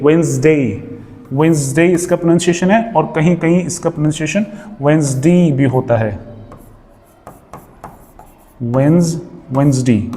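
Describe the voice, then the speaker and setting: A male English teacher with an Indian accent, switching between Hindi and English and repeating each word slowly several times. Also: on the high side, dark tone, big-room sound. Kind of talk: pronunciation lesson.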